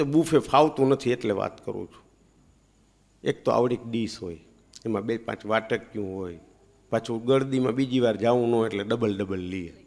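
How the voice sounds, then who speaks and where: Teasing comedian man, lively storytelling. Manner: chatty and teasing, with big swings in pitch and loudness. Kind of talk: stand-up comic storytelling.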